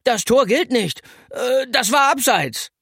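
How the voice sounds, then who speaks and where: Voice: medium pitch, animated, moderate pace, a bit bright, no echo, studio quality, pitched above the performer's own voice. A storyteller voicing a young boy footballer who protests and stammers, a sore loser. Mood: protesting.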